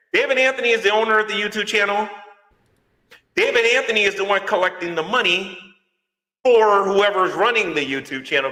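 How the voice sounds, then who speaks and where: A man's voice: on the high side, sharp tone. A man ranting in a dramatic, preachy video commentary, heard with a heavy cave-like echo. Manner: dramatic, preachy call-outs. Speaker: YouTuber. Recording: echoey reverb-heavy video clip.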